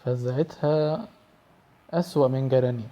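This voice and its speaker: A man's voice: mid-range voice, normal speed, mellow, dull audio. A young man with an Egyptian Arabic accent, commentating a horror game he's playing. He sounds jittery and prays under his breath. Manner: jittery, screams and prays when startled. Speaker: gaming youtuber.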